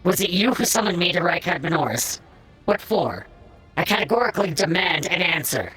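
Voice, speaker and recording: Raspy, commanding cyborg priest; formal, demanding delivery. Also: male voice, high voice, very animated, a little fast, sharp tone, soft background music, heavily acted, low-quality recording. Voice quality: raspy, gravelly. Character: stern rasping cyborg tech-priest, demanding, older man.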